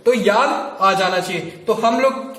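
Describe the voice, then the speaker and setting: A man's voice: sits high, measured pace, sharp tone, echoey room. A man teaching a biology lesson, repeating points and quizzing students with questions. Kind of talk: classroom lecture.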